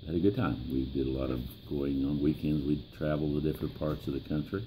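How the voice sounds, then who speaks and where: An elderly American man with a gravelly old voice, reminiscing in a plain-spoken, halting way in an interview. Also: a bass voice, fairly even intonation, mellow, a little hiss or hum, low-quality recording. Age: 70s or older. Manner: plain-spoken, halting, pausing mid-phrase. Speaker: interviewee, grandfather.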